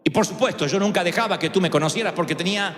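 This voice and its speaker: Man, preacher, sermon, dramatic, high lively voice, echoey hall. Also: rapid-fire. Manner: dramatic, acts out quotes with big pitch swings. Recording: echoey hall with long reverb.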